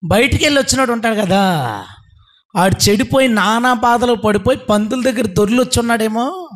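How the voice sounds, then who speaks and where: A male preacher delivering an impassioned sermon, often shouting praise, then dropping to a hush. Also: sits high. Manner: swings between loud and hushed.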